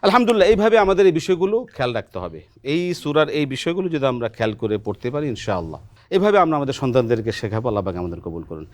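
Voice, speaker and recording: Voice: medium pitch, big pitch swings, very fast. A Quran teacher on a television lesson, patiently quizzing students on letter pronunciation and often ending a point with a questioning "right?". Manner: patient and encouraging. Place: television studio.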